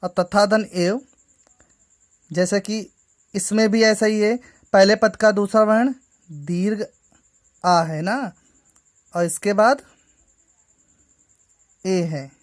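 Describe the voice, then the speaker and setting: A woman's voice: mid-range voice, slow, long pauses. Patient woman teaching a grammar lesson. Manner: patient, repeats each step with "ठीक है".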